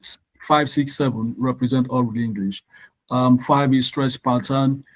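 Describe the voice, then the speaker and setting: This man, a Yoruba-speaking tutor from Nigeria, leads an online exam-prep lesson in an unhurried, medium-pitched voice with a steady tone. He explains patiently, spells words letter by letter and keeps asking learners "all right." The recording is rough.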